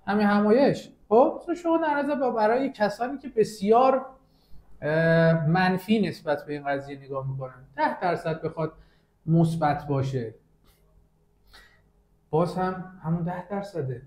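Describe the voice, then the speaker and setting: A man's voice: high voice, lively intonation, darkish tone, roomy sound. A man, a podcast host, making a reasoned, persuasive case with rhetorical questions. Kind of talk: conversational argument.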